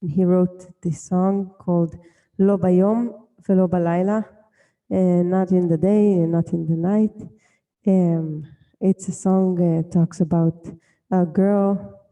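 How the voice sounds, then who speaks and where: Slow, dark-voiced woman, hesitant. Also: lowish voice, steady tone. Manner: hesitant, searching for words. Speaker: singer. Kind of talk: casual interview answer. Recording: muffled, dull sound.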